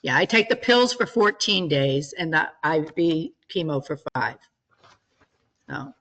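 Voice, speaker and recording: A woman's voice: low voice, lively intonation, unhurried, fairly bright tone. A woman in a support group chatting over a video call, matter-of-fact and often laughing. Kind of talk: casual chat.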